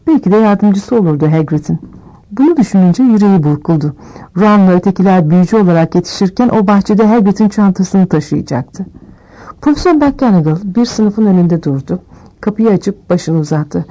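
Woman reading a storybook out loud, low-ish warm voice, little pitch bumps for each kid. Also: highs cut off. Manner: reads all characters with small pitch shifts. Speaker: audiobook reader. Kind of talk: scripted narration.

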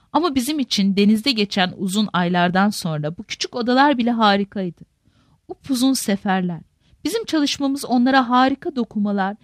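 A woman narrating a novel in a measured, literary manner. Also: mid-range voice, dry recording, studio quality. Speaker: audiobook narrator.

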